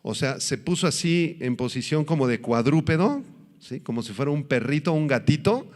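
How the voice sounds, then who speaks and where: A pastor delivering a sermon, teaching in an animated way and slowing down to stress his points. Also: a little high, in a large hall. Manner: animated preaching, acts out quoted voices, slows for emphasis.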